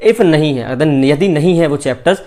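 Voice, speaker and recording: A young man with a fairly high voice talks straight to the camera like an older brother coaching students for an exam. He speaks casually and directly, and he keeps pausing to check that his listeners are following. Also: dark tone. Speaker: medical student mentoring exam takers. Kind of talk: casual advice vlog.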